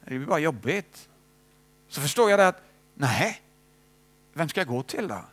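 A man's voice: on the high side, sing-song, fairly bright tone. A man preaching a sermon as a missionary, talking to the congregation in a conversational way and checking in with frequent tag questions.

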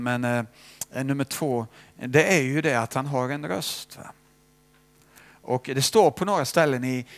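A man preaching a sermon as a missionary, talking to the congregation in a conversational way and checking in with frequent tag questions. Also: medium pitch.

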